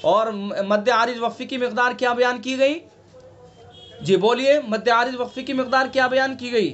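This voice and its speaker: A man's voice: extremely high pitch, steady tone, moderate pace, fairly bright tone, highs cut off. A man with a Delhi Urdu accent teaching Quran recitation in an online class, patiently explaining, quizzing students and stretching out sounds to demonstrate. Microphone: online class call.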